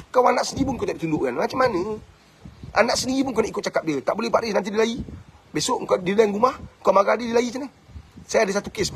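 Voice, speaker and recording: A man's voice: high voice, slight background noise. A middle-aged man with a Malaysian Malay accent, a religious school head lecturing parents in a blunt, preachy way and often asking rhetorical questions.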